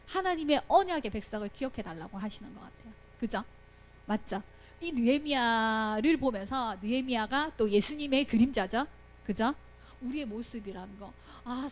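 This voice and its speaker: A high-voiced woman leads a children's Bible lesson in an animated way. She keeps asking the children questions and acts out the voices of the people in the story. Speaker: Sunday school teacher.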